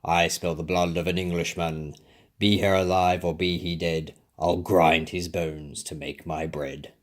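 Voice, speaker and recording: A man voicing a huge, fearsome man-eating giant in a booming bellow, reading a children's storybook. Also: level tone, measured pace. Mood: menacing, hungry. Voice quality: thunderous, booming.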